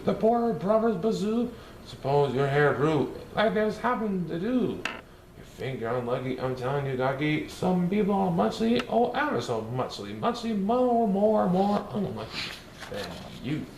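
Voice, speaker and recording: A man's voice: a little high, big pitch swings, a little slow, darkish tone. A man doing the Cat in the Hat, bouncy. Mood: playful. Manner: sing-song, bouncy, swooping delivery. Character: playful mischievous male cartoon cat storyteller. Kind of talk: rhyming storybook reading. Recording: roomy echo, faint hiss.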